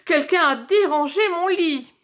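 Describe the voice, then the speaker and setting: A woman voicing a cross mother bear in a storybook reading, sharp and irritated. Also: fairly high pitch, lively intonation, normal speed, lightly acted.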